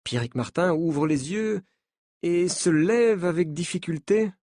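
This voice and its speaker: Male narrator, slow and carefully articulated, lively pitch, dry studio sound. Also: dry recording. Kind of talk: slow scripted story narration for learners.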